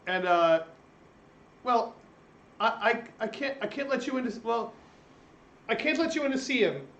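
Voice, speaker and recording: A man's voice: very high-pitched, animated, a little slow, fairly bright tone, muffled recording, heavily acted. A man voicing a frightened, flustered female servant who stammers nervously in a tabletop game. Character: frightened, flustered female servant guarding her master's door. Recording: echoey room, faint noise.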